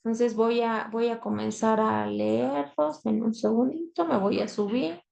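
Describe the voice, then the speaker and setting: Woman instructor with a slightly high, mellow voice. Explains steadily over a call mic, checking in with her class. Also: steady tone, a little slow, gravelly, poor audio. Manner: explanatory, tag questions, frequent fillers. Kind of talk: live online lecture.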